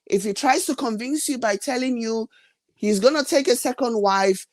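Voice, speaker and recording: A woman's voice: fairly high pitch, moderate pace, no echo. Lady scolding her viewers on her vlog, blunt and emphatic, dead dry room. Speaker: reality TV commentator. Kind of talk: opinionated vlog rant.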